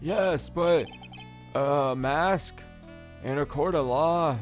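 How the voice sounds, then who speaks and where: A man's voice: on the high side, drawn-out words, soft background music, voice pushed up. A man voicing a doddering older courtroom judge in a game, pompous, hesitant and easily startled. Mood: flustered.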